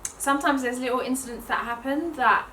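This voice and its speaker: Higher-voiced young woman, echoey and distant. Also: a little fast, pushed and bright, a little hiss or hum. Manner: reflective, uses many fillers like "like". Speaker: fashion design student. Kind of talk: documentary interview. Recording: roomy, mic set far off.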